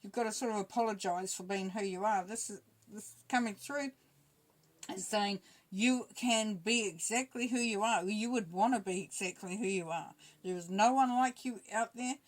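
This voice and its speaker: A woman giving a casual spoken tarot reading, relaxed and chatty, thinking aloud as she goes. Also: mid-range voice, moderate pace, low-quality recording. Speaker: tarot reader.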